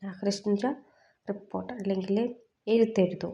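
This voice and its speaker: A woman teaching a lesson, saying each phrase twice slowly and then explaining its meaning. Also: medium pitch, steady tone, gravelly, mellow. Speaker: language teacher. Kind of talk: explaining in Malayalam.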